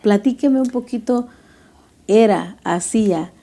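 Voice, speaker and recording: Woman hosting a church show, mellow voice, lots of little uh-huhs and soft questions. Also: on the high side, takes it slowly. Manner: short encouraging interjections and gentle questions. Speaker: interviewer host. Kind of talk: interview on a church program.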